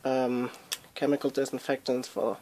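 A young man explaining things in a casual handheld phone vlog, with measured, precise and rather formal wording. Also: medium pitch, flat delivery, a little mellow. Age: young adult.

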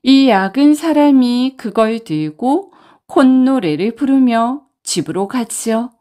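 A woman narrating a traditional folktale as a bedtime story, slowly and gently, now and then voicing the characters. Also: a little high, expressive.

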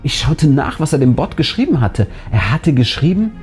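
With faint music underneath, a man who hosts the channel reads a scripted first-person horror story in a dramatic storytelling style. His tone is dark and relaxed, though his pitch moves lively, and he lets suspenseful pauses hang.

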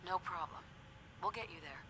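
An actress playing a calm, helpful female hero in a video game, reassuring and composed. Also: fairly low pitch, normal speed, background noise, natural voice.

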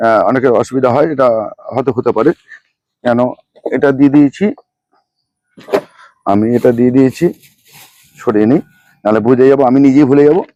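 A man's voice: mid-range voice, fairly quick, pauses often, dark tone, no echo, lo-fi sound. A middle-aged man, hosting a gardening channel, who walks through a fertilizer mix and names and repeats each ingredient and amount as he goes. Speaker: rooftop gardening channel host. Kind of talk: hands-on gardening demonstration.

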